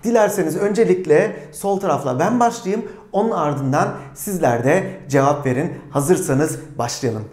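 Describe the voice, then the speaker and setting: A language teacher giving a spoken lesson, explaining patiently, asking the learners questions and repeating phrases slowly and clearly. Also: medium pitch, a little mellow. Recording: roomy echo.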